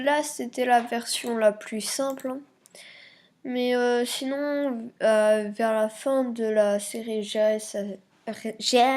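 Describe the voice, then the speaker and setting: A woman walking viewers through a software tutorial, hesitant and full of fillers, self-corrections and muttered asides. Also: a little high. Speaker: YouTube tutorial maker. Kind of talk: screen-recording software tutorial.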